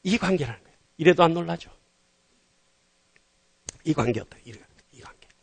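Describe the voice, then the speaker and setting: A male pastor in his middle years delivers a sermon in a notably high voice. He tells the story with animation, slipping into lively voices for the dialogue he acts out. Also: normal speed, creaky, breathy edge.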